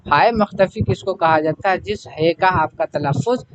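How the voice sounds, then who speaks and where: A male language teacher walking through exam-prep questions, repeating each question to the class and then answering it himself. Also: high voice. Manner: fills pauses with "है ना". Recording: dull lo-fi recording with clear background noise.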